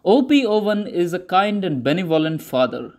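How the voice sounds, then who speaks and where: In a scripted newsreel documentary, a high-voiced man narrates with measured, declarative lines that sound like official propaganda. His pitch swings widely and his tone is somewhat dark.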